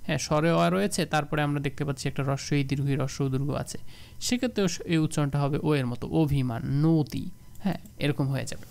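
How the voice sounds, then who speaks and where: A young man from Bangladesh giving a casual exam-prep lesson, explaining rules step by step and repeating examples slowly. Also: a little high, vocal fry, darkish tone. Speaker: exam tutor.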